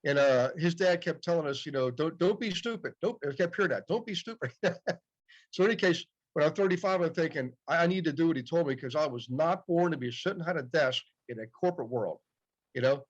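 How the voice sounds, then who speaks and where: With lively intonation and a slightly quick pace, a high-leaning male voice belongs to a podcast guest in his late fifties. He chats easily through stories during the interview, frequently replying "yep," over dull, muffled sound.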